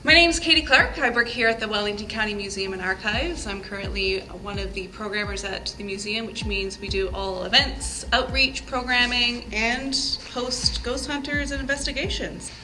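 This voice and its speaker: A woman's voice: fairly high pitch, fairly even intonation, moderate pace, hardly any pauses, music in the background, poor audio. A woman who works as a museum programmer, answering interview questions in a plain, matter-of-fact way.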